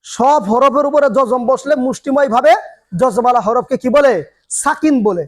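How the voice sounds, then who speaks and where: High-voiced man drilling a class. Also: moderate pace. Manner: asks the class questions and answers them himself, repeating rules in drills. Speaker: Quran reading teacher. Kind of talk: classroom lesson. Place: classroom with a board and students.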